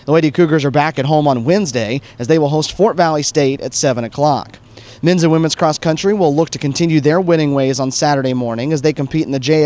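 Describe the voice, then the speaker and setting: A man hosting a college sports show, reading scripted sports news and asking interview questions in a brisk, upbeat announcer manner. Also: on the high side, darkish tone.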